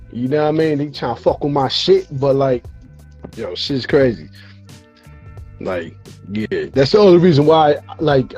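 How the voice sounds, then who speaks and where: Over a video call, a tired hip-hop interview show host who's losing his voice keeps things laid-back and slangy, cursing and using plenty of fillers. He has a medium-pitched, darkish voice, and the audio sounds dull.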